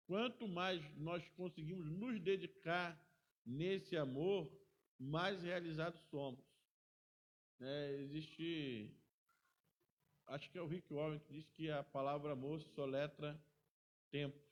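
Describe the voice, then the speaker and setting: A middle-aged man whose voice is a touch high teaches a Bible school class as a pastor. He keeps it chatty, regularly tacking a quick question tag onto his sentences.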